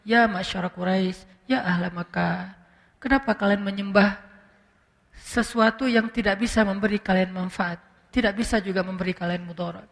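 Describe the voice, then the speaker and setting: A male preacher voicing a soft-spoken prophet calmly addressing a crowd in a measured voice. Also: high voice, vocal fry. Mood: calm appeal. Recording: long reverb of a hall.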